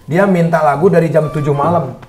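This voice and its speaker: Man, slightly high voice, casual comic storytelling, repetitive slangy delivery, music clearly behind. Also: fairly quick. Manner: animated storyteller acting out what others said; slangy, repeats phrases for emphasis. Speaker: comedian and talk show host. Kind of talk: casual chat with comic anecdotes.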